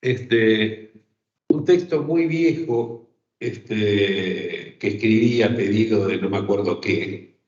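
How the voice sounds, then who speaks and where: A man's voice: lowish voice, slow pace, a little mellow. A man teaching an online psychoanalysis seminar, talking thoughtfully with many fillers and checks to his listeners. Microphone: video call. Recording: roomy, dull online call audio.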